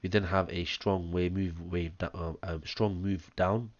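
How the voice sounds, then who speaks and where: A man with a deep, hoarse voice and a chesty cough talks methodically through a trading chart, counting waves one by one. His delivery stays flat and even. The sound is dry and dull, close to the mic with audible breathing. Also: measured pace, no echo. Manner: talks step by step through wave counts, many ums. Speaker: trading analyst. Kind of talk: screen-share chart analysis.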